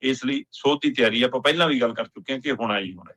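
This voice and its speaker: A man's voice: mid-range voice, quick pace, pushed and bright. A man giving emphatic political analysis on a talk show, pressing pointed questions.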